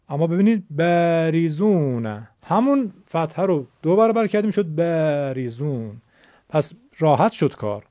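A man's voice: fairly high pitch, mellow, dry recording, dull audio. A man teaching a lesson on vowel pronunciation, explaining patiently and demonstrating sounds by drawing out and repeating words.

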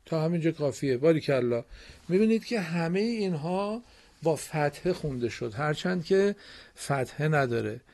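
Patient guy teaching kids to read on air, gravelly, slow careful explaining, lots of praise. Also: fairly high pitch, lively intonation, darkish tone. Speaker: Quran reading teacher. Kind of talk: broadcast classroom lesson.

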